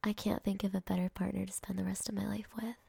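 A young woman whispering softly and affectionately to a partner in an ASMR roleplay, speaking close to the microphone. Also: medium pitch, level tone, quick pace, gravelly, husky, no room sound. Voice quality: soft whispering, intimate and affectionate. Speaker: girlfriend in a roleplay.

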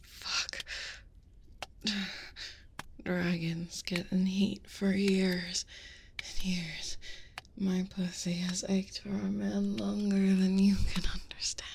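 A woman's voice: medium pitch, flat delivery, darkish tone, a little hiss or hum. Woman whispering as a possessive female dragon. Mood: lustful. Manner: slow breathy whisper, predatory and teasing. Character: hungry possessive female dragon, menacing then seductive. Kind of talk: whispered audio roleplay.

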